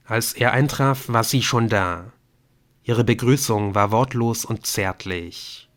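A man narrating an audiobook in a measured, even storytelling manner. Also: mid-range voice.

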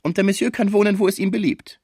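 A man voicing a sly, menacing male lawyer who sneers and mocks in a high, sharp voice. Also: steady tone, fast, husky, no echo, clean studio sound. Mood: sneering.

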